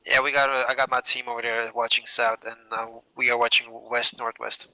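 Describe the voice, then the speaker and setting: A man's voice: medium pitch, flat delivery, brisk, sharp tone. A man talking in clipped military procedure over a walkie talkie during a war simulation game, with clicks on the line. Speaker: squad team leader in a military simulation game. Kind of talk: military radio communication in game. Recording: noisy radio comms with clicks.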